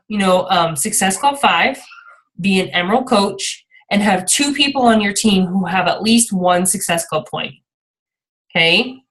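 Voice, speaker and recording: In a rough recording, a woman with a medium, slightly bright voice leads a relaxed motivational training session for her team. She's the coach hosting the call, tending to ramble and often pausing to check on and encourage the people listening.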